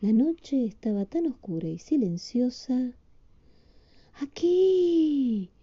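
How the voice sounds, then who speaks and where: A woman reads a picture book to a child, pausing to quiz them patiently. Her voice is very dark and mellow at an ordinary pitch. The recording is slightly dull and lo-fi. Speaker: storyteller reading to a child. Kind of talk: picture book read aloud.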